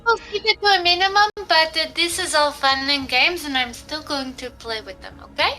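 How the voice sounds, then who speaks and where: A woman's voice: high voice, moderate pace, sharp tone. A woman playing a mischievous, boastful young female tiefling thief in a tabletop game, playful, teasing and feigning innocence. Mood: playful, sly.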